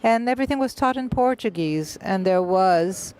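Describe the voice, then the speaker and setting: Interpreting a literary festival panel into English on the fly, this speaker talks in short halting bursts full of filled pauses and restarts. The medium-pitched voice is expressive, with a darkish, clean tone.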